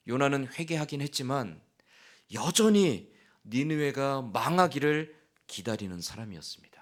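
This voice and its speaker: A male pastor preaching a dramatic sermon in a church, swinging between loud passages and near-whispers. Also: on the high side. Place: church sanctuary.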